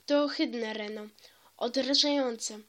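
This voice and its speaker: A woman's voice: on the high side, takes it slowly, a bit bright. Scornful scolding mother, read by a woman. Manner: contemptuous, scolding. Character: harsh scornful cave-dwelling mother.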